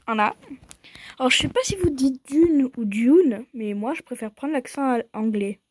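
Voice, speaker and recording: A woman's voice: sits high, lively intonation, moderate pace, a little hiss or hum. A woman giving casual commentary while playing a mobile game, rambling playfully and poking fun at herself. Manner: playful, rambling and self-mocking.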